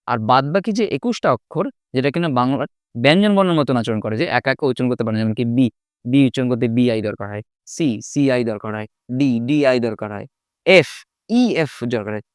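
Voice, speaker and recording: Clear-voiced man teaching a language lesson. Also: fairly high pitch, dry recording, clean studio sound. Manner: repeats sounds slowly, checks understanding often. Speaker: English teacher.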